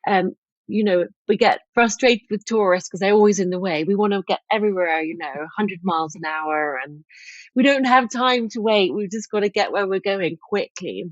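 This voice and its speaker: A woman's voice: medium pitch, normal speed, no echo, highs cut off. A middle-aged woman from England, a guest author telling stories in a casual podcast interview, chatty with frequent ums.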